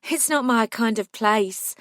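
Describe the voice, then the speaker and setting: A gentle young cafe worker with a faint London accent talks softly and earnestly, voiced by a woman reader. Her voice rides noticeably higher than the narration. The recording is dry and close. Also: unhurried, no room sound. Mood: candid.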